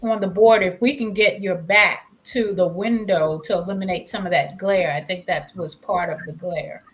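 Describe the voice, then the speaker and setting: A woman's voice: lowish voice, steady tone, moderate pace. A woman co-hosting a chess broadcast in casual chat, often giving brief acknowledgements.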